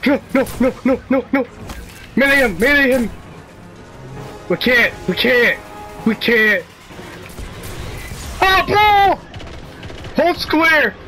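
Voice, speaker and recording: A gamer yelling and swearing frantically while reacting to play with friends, over game music. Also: mid-range voice, unhurried, long pauses. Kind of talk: excited gaming reaction chat with friends.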